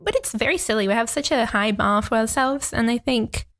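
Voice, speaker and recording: A young Brazilian woman whose first language is Portuguese chats reflectively as a podcast guest, laughing often in a casual interview. Her voice is fairly high, fairly quick, and fairly bright in tone.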